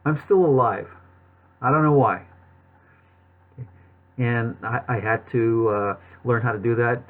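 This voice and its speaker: A man telling his personal story to viewers in a halting way, with a slight lisp and numb-lipped speech, as if numb from the dentist. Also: mid-range voice. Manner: halting, with long pauses and repeated words. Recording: thin, phone-like narrowband sound.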